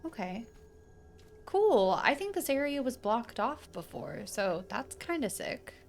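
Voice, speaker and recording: A woman's voice: a little high, very animated, unhurried, creaky, a little hiss or hum. Chatty young woman streaming a game. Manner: chatty and rambling, sprinkled with slang and the odd swear. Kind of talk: casual live-stream gameplay commentary. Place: at home. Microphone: desk streaming mic.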